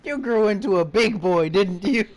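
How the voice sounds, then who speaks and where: A doting old grandmother ghost, cooing and teasing, as a man puts her on. The voice rides high and swoops in a slow, mock-sweet sing-song. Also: lively intonation.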